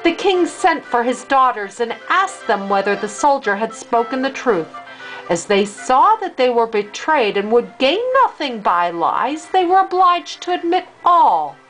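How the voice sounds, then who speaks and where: An older woman reads a fairy tale aloud the way a grandmother would to a child, her high, fairly bright voice swinging widely in pitch through each sentence. She reads a little slowly, with faint music behind her on a low-quality recording.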